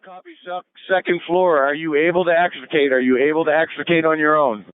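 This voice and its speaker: A man's voice: on the high side, fairly even intonation, fairly quick, smooth. A man, a fire incident commander, giving clipped orders over a fire radio. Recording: tinny radio transmission.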